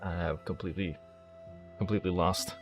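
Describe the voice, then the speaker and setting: With game music and dialogue in the background, a video game streamer reacts casually to his gameplay, joking, self-deprecating, often stammering and exclaiming. His low voice stays steady and brisk.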